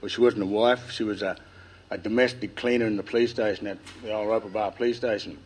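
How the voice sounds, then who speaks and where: A man with an Australian accent and a lisp tells family history informally to listeners, nervous and halting, with a dry mouth. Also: fairly low pitch, steady tone, slight background noise. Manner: nervous, halting delivery with long pauses. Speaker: speaker telling family history. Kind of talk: informal public speech, oral storytelling.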